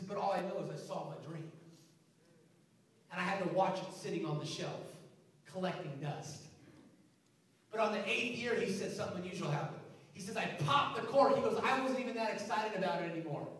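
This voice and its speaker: A fiery man delivers a motivational speech like a preacher, his voice pitched very high. He is recorded from a distance in a big hall, and the sound booms with a long echo. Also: a bit bright. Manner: fiery, preacher-like call and response. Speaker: motivational speaker. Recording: echoey hall, far from the mic.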